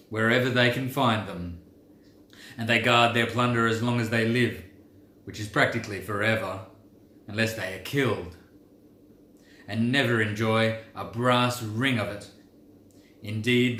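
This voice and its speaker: A man voicing Thorin, a proud old dwarf king, in a deep voice with a slow storytelling cadence. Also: a bit bright. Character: proud old dwarf king recounting his people's loss. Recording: roomy with faint background noise.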